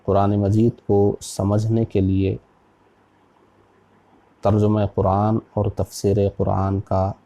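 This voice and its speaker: A man, an Islamic scholar from India, giving a slow, deliberate religious lesson on Quran recitation and spelling out letters one by one. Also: on the low side, gravelly, mellow.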